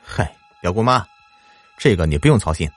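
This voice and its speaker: A man's voice: sits low, animated, moderate pace, soft background music. A man voicing an impatient young man who works at a funeral home, speaking brashly in an audio story. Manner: brash, slightly irritable.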